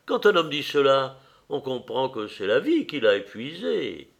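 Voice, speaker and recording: A man voicing an old society hostess, a bossy matchmaker who talks in a fussy, commanding way with a raised, fluttery pitch. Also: wildly swooping pitch, a little slow, vocal fry, heavily acted. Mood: chiding.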